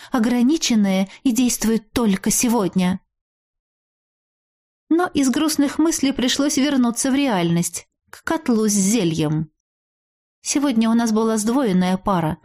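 A woman reading a first-person audiobook aloud, lively and expressive, with playful irony. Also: a little high. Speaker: audiobook reader.

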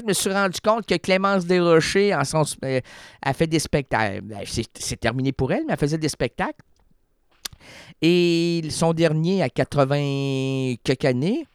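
A man's voice: medium pitch, no echo, studio quality. A man with a Quebec French accent hosting a community radio show, talking in a rambling, playful, theatrical monologue with a sore throat.

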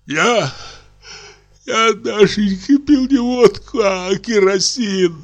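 A man's voice: high-pitched, unhurried, a bit bright, soft background music, pitched above the performer's own voice. A man voicing a frightened widower who whimpers tearfully, sure he is dying. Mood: whimpering.

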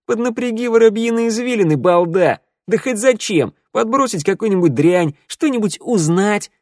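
A man putting on a shrill, scolding young thief girl. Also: animated, moderate pace, a little mellow, no echo, studio quality. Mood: agitated. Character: sharp-tongued scrappy young woman thief.

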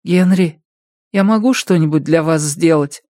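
A woman's voice: deep voice, measured pace, no echo, studio quality, voice pushed up. A narrator voicing a stubborn, firm woman who befriends crows, in an audiobook. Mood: gentle. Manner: firm, indignant, then gentle.

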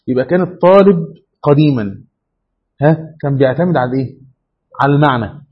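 A man's voice: on the high side, husky. A man with an Egyptian Arabic accent teaching a class as a sheikh, quizzing students and repeating himself to make them focus. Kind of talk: classroom lesson with questions to students. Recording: dull lo-fi classroom recording.

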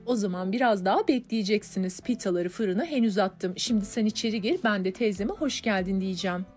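An affectionate young elder sister, quick and eager, voice pitched up high, as a woman narrator puts her on. A storybook reading over faint music. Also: darkish tone, close to an everyday voice. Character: warm young elder sister who bakes.

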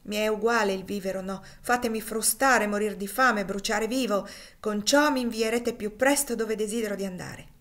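A woman's voice: medium pitch, measured pace, natural voice. A woman reading aloud and voicing a devout, steadfast enslaved man who speaks earnestly and solemnly.

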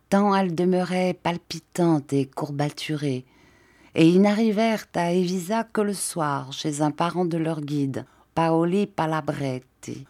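Woman reading an audiobook, lowish voice, really slow and measured. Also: mellow. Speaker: audiobook reader. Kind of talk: scripted narration of a classic novel.

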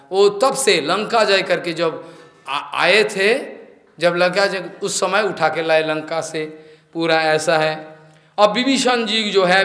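A man's voice: sits high, fairly bright tone. A male preacher giving a devotional scripture discourse in a temple hall, telling stories and acting out the characters' lines. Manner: storytelling, acting out quoted dialogue. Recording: echoey hall reverb.

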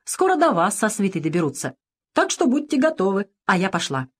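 A woman voicing a bright, bossy young army nurse who talks in a teasing, lively way, in a storybook reading. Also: medium pitch, a little fast, husky. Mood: earnest.

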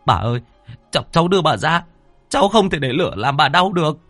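A man's voice: fairly low pitch, animated, normal speed, darkish tone, breathy edge, no room sound, faint music behind. A man voicing a distressed young village grandson in a ghost story, stammering and pleading. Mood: tearful.

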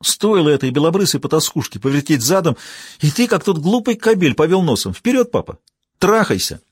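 A man's voice: on the high side, big pitch swings, a little fast, slightly rough, dry recording, studio quality, voice pushed up. A male narrator voicing a furious, scornful woman police detective confronting her father in an audiobook. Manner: accusing, scornful.

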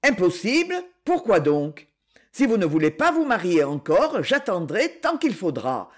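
A woman's voice: on the low side, big pitch swings, a little slow. A woman voicing an ardent young man pleading his love in a tender, muffled way.

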